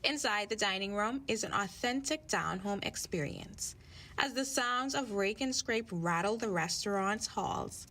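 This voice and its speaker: A woman's voice: medium pitch, animated, unhurried, sharp tone. A woman reporter with a Bahamian accent reading a scripted feature report.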